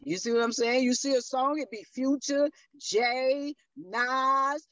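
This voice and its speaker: A high-pitched woman holding forth as a radio guest, emphatic and blunt, with a dry, slightly dull studio sound. She talks in a loose street style and keeps checking that she is understood. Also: slow, fairly bright tone, dry recording. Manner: emphatic, street-talking, repeats "you see what I'm saying". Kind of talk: casual radio talk.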